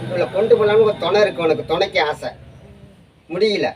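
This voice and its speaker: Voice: mid-range voice, brisk. A temple oracle medium leading an exorcism ritual, questioning in a commanding, repetitive way. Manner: commanding, interrogating, repeats demands. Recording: distant mic with loud noise.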